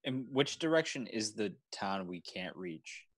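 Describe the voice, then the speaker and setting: A man playing a tabletop game who keeps asking eager questions. His voice sits a little low. The sound is dry, with no room around it. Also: lively intonation, unhurried, a bit bright, husky, no echo. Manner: asks many eager questions. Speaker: player.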